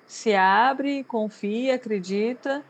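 A woman with a Minas Gerais accent in casual podcast chat, telling stories in a lively, animated way. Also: a little high, slow pace.

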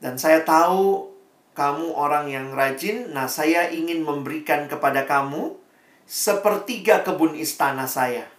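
A preacher acting out a kind, just king in a story told during a sermon, speaking slowly and gently. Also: medium pitch, close to an everyday voice. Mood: gracious. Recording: echoey room, voice far from mic.

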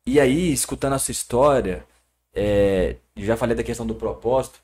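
A man's voice: mid-range voice, a little fast, darkish tone. Easygoing man musing on a podcast. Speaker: podcast host. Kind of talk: casual podcast conversation.

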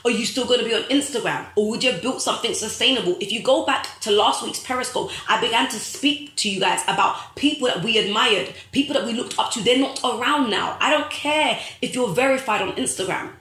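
A woman's voice: fairly high pitch, brisk, few pauses, a bit bright, roomy sound, poor audio. A woman hosting a motivational livestream as an author, talking in a rallying, preachy way with lots of repeated phrases. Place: bedroom at home.

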